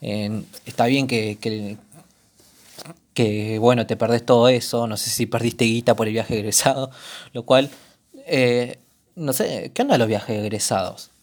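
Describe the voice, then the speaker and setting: A man's voice: mid-range voice, measured pace. Young Rioplatense man, solo podcast host, casual, swears offhand, middle-range voice. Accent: Rioplatense Spanish. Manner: chatty, rambling, swears casually.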